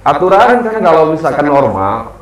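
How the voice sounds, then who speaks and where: A man's voice: on the high side, sing-song, normal speed. A man, casually telling a ghost story as a guest and acting out the people he quotes. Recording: roomy echo with music behind.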